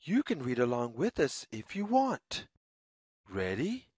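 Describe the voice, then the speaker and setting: A woman reading a children's picture book aloud in a sing-song, deliberate, word-by-word way. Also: a bass voice, huge pitch swings, a little mellow, breathy edge, no room sound, studio quality. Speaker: story reader.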